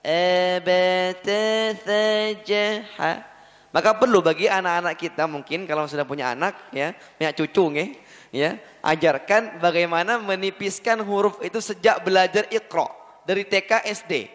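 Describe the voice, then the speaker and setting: A man teaching Quran recitation, patiently correcting students and slowly modelling each sound. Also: high voice, fairly bright tone. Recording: long hall reverb.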